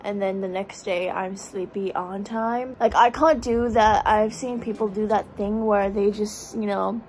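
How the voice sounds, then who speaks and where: A woman's voice: medium pitch, fairly even intonation, measured pace, darkish tone, rough recording. Young woman, tired after an all-nighter, rambling casual vlog chat, phone at arm's length, faint background noise. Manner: chatty, rambling, self-mocking. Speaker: vlogger. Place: small bedroom indoors. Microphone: phone camera at arm's length.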